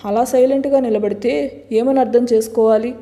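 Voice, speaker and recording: Distraught middle-aged mother, tearful and scolding, a woman reading, raised pitch, reverberant. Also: steady tone, fairly quick, mellow, close to an everyday voice. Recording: long hall reverb.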